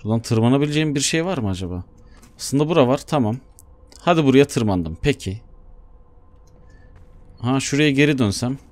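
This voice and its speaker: A man giving Let's Play commentary, chatting to himself as he plays and bursting into excited shouts. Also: mid-range voice, fairly quick, long pauses. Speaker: gaming YouTuber.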